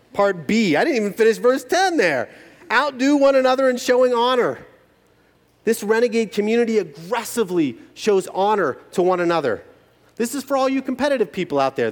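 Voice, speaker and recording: A man preaching a sermon as pastor, telling stories with emphasis and humor. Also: high voice. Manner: animated, emphatic storytelling with humor. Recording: long hall reverb.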